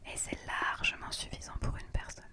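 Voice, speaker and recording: Woman whispering quietly, as if at night. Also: normal speed. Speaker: vlogger narrating her trip. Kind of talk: whispered ASMR vlog narration. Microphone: close microphone.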